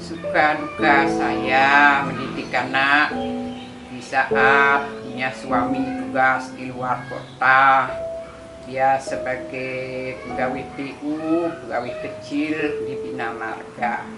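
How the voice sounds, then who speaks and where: A woman in her sixties, a grandmother, calmly answering interview questions in simple, measured phrases. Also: rumbling low. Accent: Indonesian. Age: 60s. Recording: echoey room with loud music behind.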